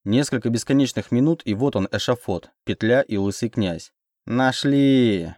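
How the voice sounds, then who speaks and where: A man reading a first-person audiobook in a steady, measured voice. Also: medium pitch, no room sound, studio quality. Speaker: audiobook narrator.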